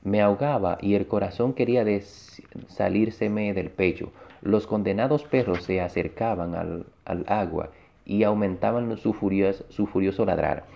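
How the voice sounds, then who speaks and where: A man's voice: on the low side, gravelly, warm tone. A man reading a short story aloud in first person, stumbling and restarting words as he goes. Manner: halting read-aloud with frequent restarts. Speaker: reader.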